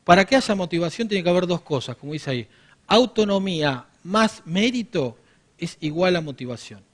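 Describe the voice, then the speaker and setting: A man's voice: high-pitched, normal speed. A man in his forties with a Rioplatense Spanish accent, giving a business workshop and telling stories straight to the audience. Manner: animated storytelling, addresses the audience directly. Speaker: workshop speaker.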